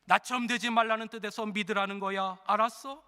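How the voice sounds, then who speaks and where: A male pastor voicing a gruff death-row prisoner who bosses other inmates about faith, in a rough scolding manner. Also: high voice, normal speed, bright, forceful tone, big-room sound.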